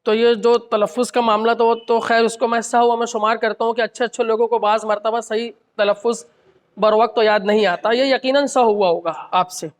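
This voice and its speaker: A man giving a measured, analytical critique of a short story at a literary gathering, with occasional restarts. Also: very high-pitched, little pitch movement. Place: college hall. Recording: reverberant hall.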